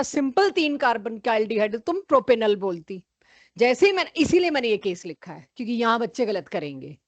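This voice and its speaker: A woman with a high voice teaches a chemistry class online, quizzing students by name and correcting them firmly. The sound is close and dry, with no room around it. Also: dry recording.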